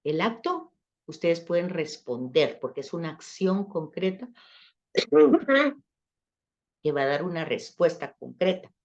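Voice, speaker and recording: A woman's voice: on the low side, sing-song, slow, pauses often, a little mellow, dull audio. A woman leading a church study session, explaining patiently with everyday examples and speaking directly to her listeners. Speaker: Bible class teacher.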